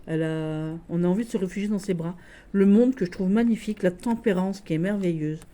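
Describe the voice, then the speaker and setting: A woman chatting casually and affectionately as she shows her tarot decks, often pausing on "voilà". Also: lowish voice, mellow. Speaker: tarot vlogger.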